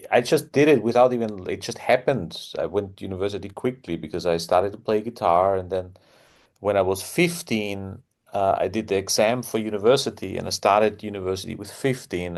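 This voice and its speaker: A guitarist from Austria tells his story as a guest in a casual interview, hesitating often, restarting frequently, and using non-native phrasing. His voice is low-pitched and darkish, at a moderate pace.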